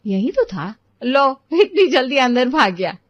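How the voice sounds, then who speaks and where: A bossy, sassy young daughter, played by a woman for a storybook tale. Her voice sits fairly high. The recording is dry and a little dull. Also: big pitch swings, a little slow, dry recording. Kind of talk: storybook voice acting.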